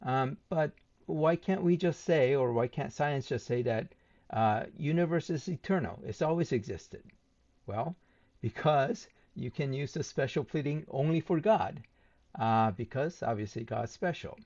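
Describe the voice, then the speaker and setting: A man's voice: medium pitch, expressive, darkish tone. A man picks apart a debate opponent's claims point by point, speaking steadily with plenty of ums and uhs. His voice sits mid-range. The recording is a bit dull and lo-fi. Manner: measured, with many filler ums and uhs. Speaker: channel host responding to a debate. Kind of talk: point-by-point rebuttal commentary.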